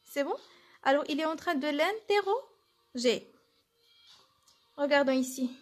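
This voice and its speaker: High-voiced woman teaching a lesson. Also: expressive, a little slow, faint music behind. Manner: explains step by step, asks and answers questions herself. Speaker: French teacher. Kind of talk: classroom lesson.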